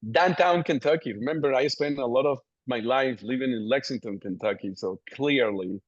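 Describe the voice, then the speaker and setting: A man's voice: mid-range voice, moderate pace, dry recording. Guy giving a webinar talk, chatty, kinda dull dry call audio. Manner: chatty, jokes about his accent. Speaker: pediatric dentist giving a webinar. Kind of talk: lecture over slides. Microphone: video call.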